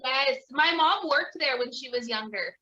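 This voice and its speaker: A young adult woman, a guest in a casual chat, eagerly chiming in with quick reactions. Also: high-pitched, lively intonation, sharp tone, highs cut off.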